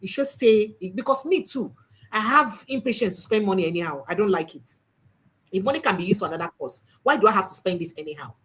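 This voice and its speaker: A woman's voice: medium pitch, lively intonation, quick pace, fairly bright tone, husky. A Nigerian woman hosting a political commentary livestream, emphatic and slipping into Pidgin. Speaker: livestream host.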